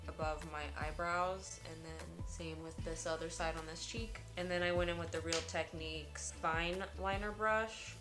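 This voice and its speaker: A woman giving a casual makeup tutorial as a beauty vlogger, with a lisp that turns her s sounds slushy, like sh. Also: low voice.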